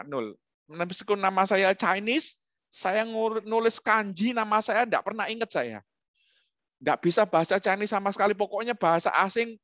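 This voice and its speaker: A middle-aged man giving a humorous, animated talk as a webinar guest speaker, speaking straight to his listeners. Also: high voice, no echo. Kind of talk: lively storytelling talk.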